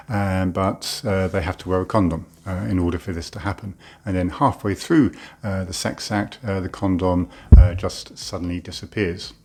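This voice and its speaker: A man's voice: low-pitched, a little mellow, husky. A male doctor giving a frank educational talk to camera, plain-spoken and full of "uh" fillers.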